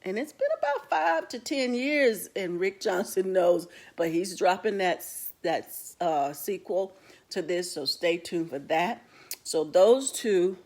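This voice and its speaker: A book club host giving a casual, rambling talk straight to the viewers and retelling stories along the way. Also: mid-range voice. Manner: chatty, talks straight to viewers as "guys".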